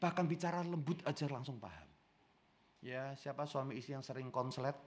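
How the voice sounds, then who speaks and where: A man preaching a sermon as pastor, with an Indonesian accent, swinging between loud bursts and hushed asides and often calling out to his congregation. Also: medium pitch, fairly quick.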